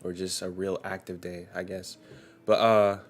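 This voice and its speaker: Live-streaming his forex trading, a young man recovering from a cold chats casually and coughs here and there. His deep voice holds a level tone at a moderate pace, with slight background noise. He reads the day's economic headlines aloud and discusses the news in a loose, conversational way.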